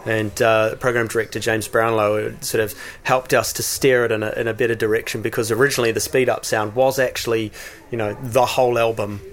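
A fairly quick, mid-range male voice belongs to a man who produces radio promos. Chatting casually in an interview, he's relaxed but hesitant, often restarting and using fillers.

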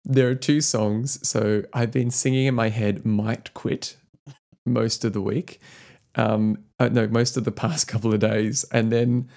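A man's voice: medium pitch, little pitch movement, a little slow, creaky, darkish tone. A man co-hosting a podcast, chatting casually about music, rambling with lots of fillers. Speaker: podcast co-host.

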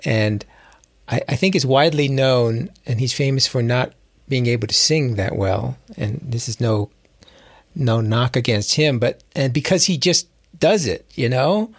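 Speaking a little slowly in a mid-range voice, a man from Hawaii, United States, who is a musician and teacher, reflects on stories during a casual interview, rephrasing often along the way. The recording is dry.

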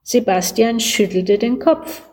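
A woman calmly reading a devotional Christmas story aloud, slow and gentle. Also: fairly high pitch, faint music behind.

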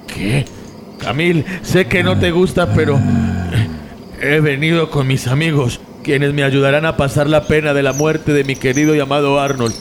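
A man's voice: fairly high pitch, fairly even intonation, normal speed, noisy background, lightly acted. A man playing a drunk, grieving man who rambles and slurs theatrically, in an amateur radio drama.

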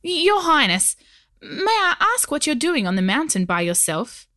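Woman as earnest miner boy, polite, raised pitch, lively, storybook. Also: measured pace, dry recording, studio quality, heavily acted. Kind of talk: storybook reading.

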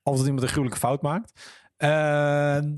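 A man's voice: on the high side, level tone, moderate pace, no room sound, studio quality. A man co-hosting a casual motorsport chat, thoughtful and hesitant, with many ehms. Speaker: podcast co-host.

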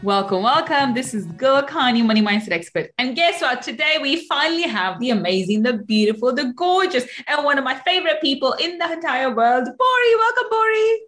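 A woman's voice: sits high, animated, brisk, few pauses, a bit bright, faint music behind. A woman hosting a podcast interview, talking in an effusive, gushing way. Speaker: podcast host.

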